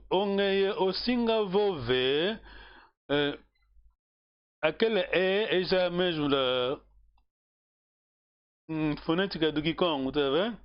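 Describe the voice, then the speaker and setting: A man teaching a casual one-on-one language lesson, relaxed and encouraging, with many fillers and repeated words. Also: high voice, muffled recording.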